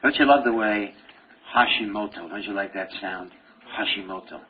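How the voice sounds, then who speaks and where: A man's voice: on the low side, moderate pace, slight background noise. A man giving a medical lecture to a class, joking and firing questions at the students. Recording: tinny phone-like lecture recording.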